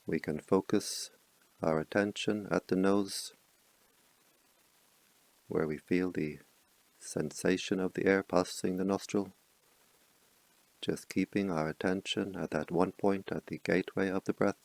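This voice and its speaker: Long pauses break up the short, calm guidance of a male meditation teacher whose deep voice is rough with fry. He talks softly and slowly. The recording is close, dry, and rough, with very little sense of the room.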